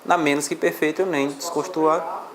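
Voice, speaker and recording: Professor brasileiro explicando em aula. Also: male voice, fairly high pitch, fairly even intonation, quick pace, crowd noise. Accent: Brazilian Portuguese. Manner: explains step by step, asks the class questions. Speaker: law teacher. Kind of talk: classroom lecture on exam questions.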